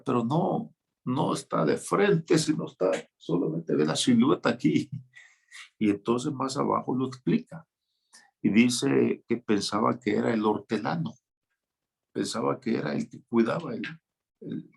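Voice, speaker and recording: A man's voice: mid-range voice, vocal fry, a little mellow, slightly rough. A man preaching a sermon as a pastor, teaching in a conversational way with light jokes.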